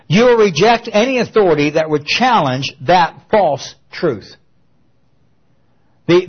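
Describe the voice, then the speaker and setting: An older man preaching a sermon as pastor, emphatic and storytelling, with animated asides. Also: fairly high pitch, breathy edge, highs cut off.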